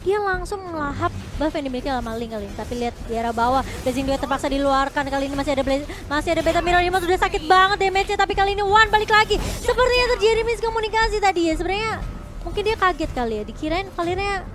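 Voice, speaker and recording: A woman giving excited, exclamatory play-by-play commentary on a video game match. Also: very high-pitched, very fast.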